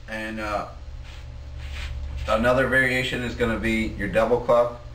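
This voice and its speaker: A man giving a casual, plain-spoken instructional demonstration as a goose calling instructor, with halting delivery. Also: on the low side, fairly even intonation, fairly bright tone. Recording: roomy, distant mic, faint noise.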